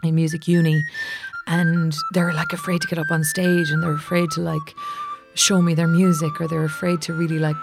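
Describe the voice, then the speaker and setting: A woman's voice: deep voice, little pitch movement, moderate pace, creaky, over music. A woman with a West of Ireland accent telling a personal story casually and animatedly, acting out what people said. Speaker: musician and songwriting teacher.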